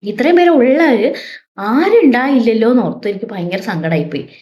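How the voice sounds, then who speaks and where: A woman's voice: a little high, lively intonation, a little fast, darkish tone. A young woman vlogger telling a personal story in a heartfelt, emotional way, repeating her words as she goes. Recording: dull lo-fi recording.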